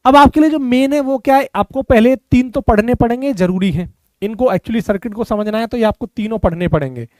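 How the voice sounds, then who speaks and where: A man's voice: extremely high pitch, a little fast, darkish tone, no room sound. A man teaching a physics class online, calling students "beta" and explaining step by step in a conversational way.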